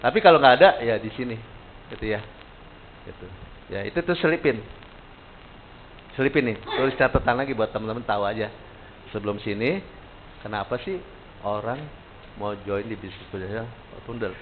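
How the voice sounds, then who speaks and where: A man leads a training session in a relaxed, conversational way. He keeps turning questions back to his listeners. The recording sounds thin and tinny, with a light hiss under it. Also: lowish voice, moderate pace, long pauses. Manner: casual, animated, quizzes the audience. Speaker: sales trainer. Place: training room.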